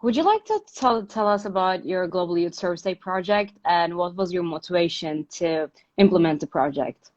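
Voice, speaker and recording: Her voice is on the low side and a little mellow, with lively intonation and a normal speed. She's a young Turkish woman interviewing a guest by video call on a livestream, chatting casually and leaning on "like" and "uh," in dull lo-fi sound.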